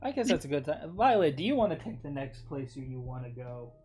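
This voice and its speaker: A man's voice: fairly high pitch, sing-song, over music. A man running a tabletop game as game master, often stopping and restarting his sentences. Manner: halting, restarts mid-sentence.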